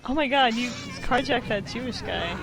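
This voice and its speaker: A man's voice: very high-pitched, lively intonation, normal speed, vocal fry, crowd noise. A man joking and teasing his friends in a giggly way during a casual game session. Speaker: co-commentator. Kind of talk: casual gameplay commentary.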